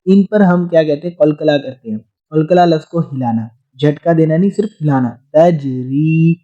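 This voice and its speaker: A man teaching Quran recitation, explaining rapidly in speech and then chanting verses slowly and drawn out. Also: a little high. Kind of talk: recitation lesson. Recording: dull lo-fi recording.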